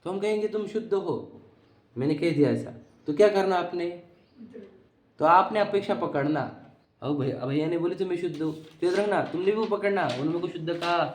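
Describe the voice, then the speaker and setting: A man's voice: on the high side, a little mellow. A man giving an explanatory religious lecture on philosophy, often asking his listeners whether they follow. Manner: keeps checking that listeners follow. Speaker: teacher of Jain philosophy. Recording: echoey room.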